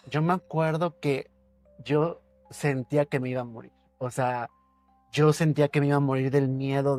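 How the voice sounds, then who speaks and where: Man, podcast guest, suspenseful ghost-story teller who repeats and hushes. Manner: suspenseful storytelling, repeats words for effect, drops his voice low. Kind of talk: telling a personal ghost story.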